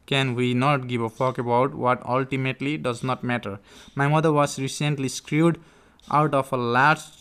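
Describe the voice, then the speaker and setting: A man with a clear, smooth voice reads aloud in an informal podcast style. His delivery is halting, with stumbles and repeated words. He is recorded at home in a living room. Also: mid-range voice, a bit bright. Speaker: podcast host reading a book aloud. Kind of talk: informal audiobook read-aloud with casual asides.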